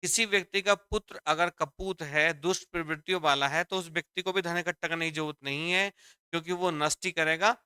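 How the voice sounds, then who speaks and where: Male Hindi teacher, fairly high, bright and crisp voice, dry close sound; explains patiently and repeats each point. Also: fairly even intonation, a little fast, no echo. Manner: explains step by step, repeats lines, addresses students as dear children. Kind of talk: exam-prep grammar lesson.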